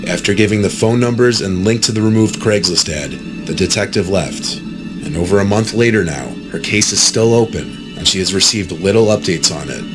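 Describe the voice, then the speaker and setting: Calm low-voiced male story narrator. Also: moderate pace. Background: music.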